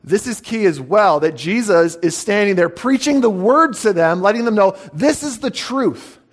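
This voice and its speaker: Higher-voiced man preaching a teaching sermon. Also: animated, moderate pace. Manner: explanatory teaching, fillers, checks in with "okay?". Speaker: pastor.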